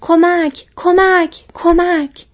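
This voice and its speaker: A woman voicing a frantic young male hobbit in an audiobook, breathy and crying out high and loud. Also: flat delivery. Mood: shouting for help. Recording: dull lo-fi recording.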